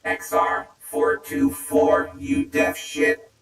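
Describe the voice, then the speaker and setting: A man voicing a broken old male war robot through a glitching robot voice filter, giving clipped reports and repeating errors. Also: extremely slow. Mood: rude. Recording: echoey, distant, with music behind.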